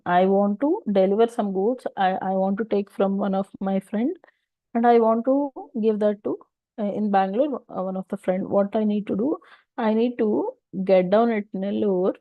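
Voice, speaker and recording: A woman's voice: medium pitch, no echo. South Indian woman teaching, dull dry audio. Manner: explains step by step with repeated rhetorical questions. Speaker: data engineering instructor. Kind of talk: informal technical lesson.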